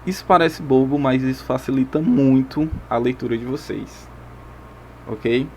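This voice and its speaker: Brazilian teacher, frequent "ok?" checks. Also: male voice, mid-range voice, a little slow, a little hiss or hum. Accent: Brazilian Portuguese. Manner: explanatory, checks in with frequent "ok?" and "tá certo?". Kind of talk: recorded video lesson.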